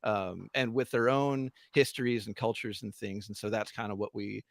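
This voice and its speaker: A man's voice: fairly low pitch, steady tone, moderate pace, vocal fry, no echo, studio quality. Easygoing man from Southern California. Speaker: podcast guest. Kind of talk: casual podcast chat.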